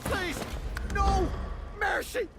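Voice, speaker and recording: A man's voice: sits high, sing-song, slow pace, music in the background, full character voice. A man playing a craven, scheming old undead dwarf skeleton in a fantasy video game, theatrical as he swings between frantic pleading and ominous intoning.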